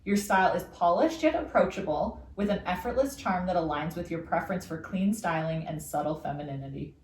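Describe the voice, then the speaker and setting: A woman's voice: fairly low pitch, brisk, a little hiss or hum. Chatty young woman on a podcast. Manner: upbeat, lots of "like" fillers, reads quiz results aloud. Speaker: podcast co-host. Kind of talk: casual chat. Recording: roomy sound, distant from the mic.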